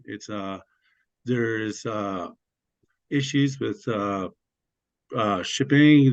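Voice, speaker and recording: A man answering as a panelist in a panel discussion, speaking haltingly with many "uh" pauses. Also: lowish voice, no room sound, muffled recording. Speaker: panelist, agricultural researcher.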